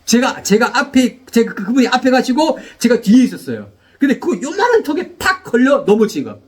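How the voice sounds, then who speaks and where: A man preaching a sermon as pastor, animated, repeating phrases and leading the congregation in call-and-response. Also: very high voice, fairly quick.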